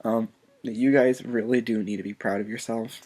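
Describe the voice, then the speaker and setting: A man vlogger speaking softly and earnestly in an emotional personal video message, halting as he fights back tears. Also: medium pitch, fairly even intonation. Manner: soft-spoken.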